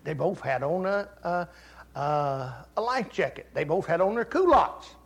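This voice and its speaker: An older man preaching a sermon, telling folksy family stories and rising to loud, fervent Scripture reading. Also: on the high side, sing-song, a little slow, breathy edge. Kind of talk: sermon with personal story.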